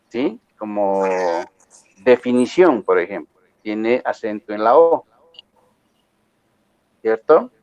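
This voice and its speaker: In a university class, a male lecturer with a mid-range voice gives firm instructions, repeating his points and checking in with students through rhetorical questions. The recording is dry and muffled.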